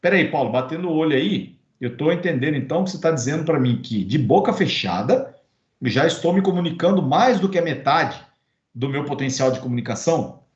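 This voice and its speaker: A man with a Brazilian Portuguese accent voicing an imagined student who asks quick, doubting questions. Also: on the high side, lively intonation, lightly acted. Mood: questioning. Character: curious adult student asking eager questions. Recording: roomy, dull recording.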